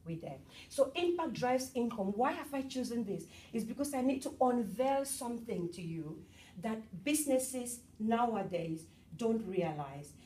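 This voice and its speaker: A bubbly middle-aged woman from Cameroon giving a lively talk at an event and chatting with the audience. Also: on the high side, measured pace, far from the mic. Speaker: motivational speaker.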